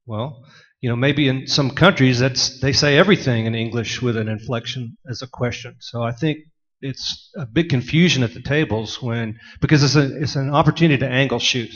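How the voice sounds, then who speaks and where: A man in the audience speaks up with a question, rambling along in a mid-range voice and filling pauses with "uh." The sound is dull and lo-fi, like a conference room recording. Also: mid-range voice, fairly bright tone, big-room sound. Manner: chatty, rambling, with frequent "uh" fillers. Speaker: audience member, poker magazine writer.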